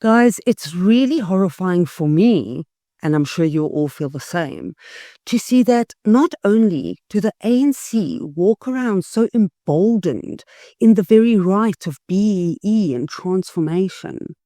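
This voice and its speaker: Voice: medium pitch, lively intonation, a little slow, mellow, no room sound, studio quality. A political YouTuber, giving emphatic, scathing commentary and leaning hard on key words. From South Africa. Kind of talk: opinionated political commentary vlog.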